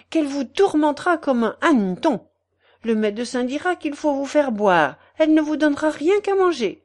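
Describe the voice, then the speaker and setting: A woman's voice: on the high side, a little mellow, pitched above the performer's own voice, close to an everyday voice. A woman voicing a brash, gushing middle-aged concierge who talks in an effusive, wheedling, theatrical way.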